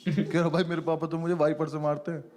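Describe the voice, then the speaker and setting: A young man on a comedy stage tells a long, animated story and laughs through his own lines. His voice sits a little high for a man. Loud noise covers the stage recording. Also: quick pace. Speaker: stand-up comedian. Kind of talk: stand-up storytelling. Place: comedy stage before a live audience.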